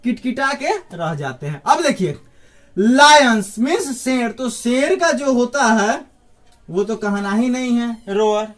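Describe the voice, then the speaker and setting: Male teacher, fairly high voice, casual lesson delivery, asks the viewer questions as he goes. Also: lively intonation, slow, a bit bright. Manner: chatty, joking asides, asks the listener questions. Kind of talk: informal spoken lesson.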